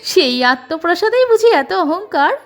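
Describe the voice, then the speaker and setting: A woman's voice: sits high, sing-song, measured pace, soft background music. A woman voicing an older husband who answers his suspicious wife with teasing banter, in a storybook reading. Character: older husband, teasing, evasive, mildly mocking.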